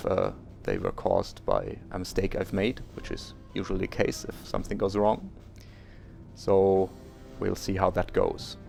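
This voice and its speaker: A German man speaking English as a second language hosts a game let's play, walking through the settings step by step with small hesitations in this video game tutorial commentary. His voice is low-pitched, with vocal fry and a darkish tone.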